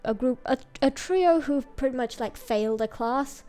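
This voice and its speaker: A woman's voice: high-pitched, moderate pace, mellow, soft background music. A woman talking through her digital drawing in a casual voice-over, rambling and hesitant, often restarting and laughing at herself. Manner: self-mocking, laughs at herself. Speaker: digital artist.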